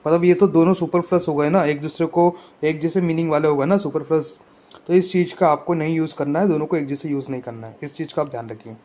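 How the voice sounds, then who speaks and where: A man's voice: a little high, steady tone, fast, dark tone. A man teaching an exam-prep grammar lesson, explaining rules step by step and often checking that his students follow.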